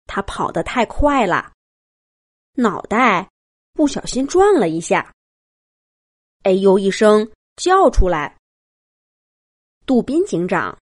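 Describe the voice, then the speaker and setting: Slow, lively woman storyteller. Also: a little high, no room sound, studio quality. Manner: gentle, expressive storytelling. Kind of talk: bedtime story narration for children.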